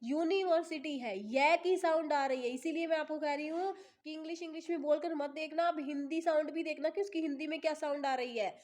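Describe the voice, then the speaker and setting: A woman with an Indian accent teaching English grammar, reading examples slowly and deliberately, then explaining quickly in Hindi. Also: high voice, steady tone, darkish tone. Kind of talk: classroom grammar lesson.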